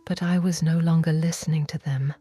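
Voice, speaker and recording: A woman whispering as a forgiven biblical woman, hushed. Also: low voice, steady tone, fairly quick, husky, dry recording. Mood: reverent. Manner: hushed, reverent, intimate first-person storytelling. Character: repentant forgiven woman of biblical times, tender and awed. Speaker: audiobook narrator. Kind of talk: whispered role-play.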